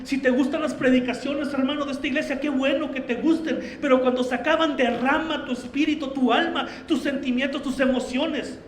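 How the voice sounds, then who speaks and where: High-voiced pastor preaching fervently. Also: male voice, fairly even intonation, brisk, hardly any pauses, a little hiss or hum. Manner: fervent preaching, often addressing listeners as brother. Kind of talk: sermon. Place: church sanctuary. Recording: roomy church echo.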